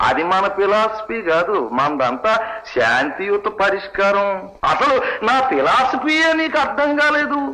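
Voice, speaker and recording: A man's voice: sits high, expressive, measured pace, bright, forceful tone, heavily acted, poor audio. A middle-aged man playing a scheming, wisecracking father in a 1970s film comedy. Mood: mocking. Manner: mocking, wisecracking. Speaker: girl's father.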